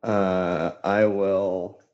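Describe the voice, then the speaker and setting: A man with a low, mellow voice plays a tabletop game, speaking slowly and casually in character. The recording is somewhat dull. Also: little pitch movement. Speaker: player.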